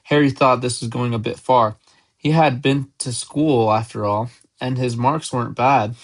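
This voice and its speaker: Amateur male audiobook narrator, mid pitch, steady with small slips. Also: normal speed. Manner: steady narration with occasional stumbles. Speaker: audiobook reader. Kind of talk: storybook read-aloud narration.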